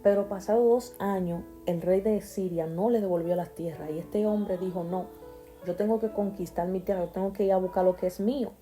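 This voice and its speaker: A woman tells a Bible story in sermon form, with a very dark, mellow voice. She sounds earnest and shifts her voice a little for the characters she quotes. Faint guitar music plays underneath. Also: mid-range voice, steady tone, brisk. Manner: earnest storytelling, quoting characters with small voice changes. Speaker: Bible teacher.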